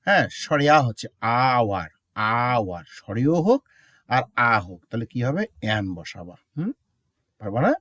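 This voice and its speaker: A man teaching a grammar lesson, who keeps checking with students, mixes English examples into his explanation and repeats words slowly to show how they sound. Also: mid-range voice, big pitch swings, breathy edge, no room sound, clean studio sound. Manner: asks students frequent check questions.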